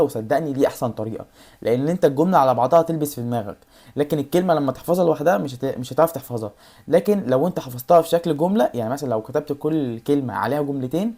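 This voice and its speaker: A woman with an Egyptian Arabic accent talks at a breakneck pace in a casual advice vlog. Her voice sits low and mellow. She speaks straight to the viewer and keeps reassuring them. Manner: rapid, addresses the viewer directly, repeats reassurances. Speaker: YouTuber giving exam study tips.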